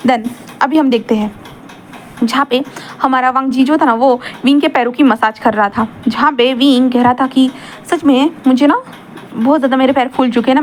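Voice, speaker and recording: Quick rambling young woman storyteller. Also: high voice, a little hiss or hum. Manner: rambling, with many fillers. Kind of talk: casual fan-fiction narration.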